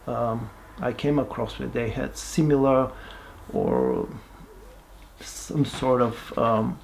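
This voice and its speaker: Guy, 40s, gravelly voice, pauses a lot, reflective testimony. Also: mid-range voice, very animated, darkish tone, a little hiss or hum. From Bulgaria. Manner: halting and reflective, many pauses and restarts. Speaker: person sharing his life story. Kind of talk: personal testimony.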